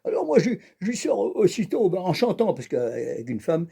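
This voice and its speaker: A man's voice: sits high, huge pitch swings, normal speed, gravelly, mellow, husky. A man hosting an accordion channel, chatting to camera while strumming a guitar, jokey and bawdy, peppering his talk with little fillers. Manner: jokey, chatty, keeps adding "hein" and "incroyable"; bawdy, teasing storyteller.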